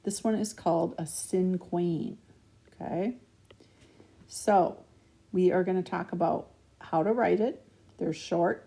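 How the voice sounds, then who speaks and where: Warm, gravelly-voiced woman teacher. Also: fairly low pitch. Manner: patient, checks in with frequent "okay?". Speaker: elementary school teacher. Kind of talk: recorded remote lesson over slides.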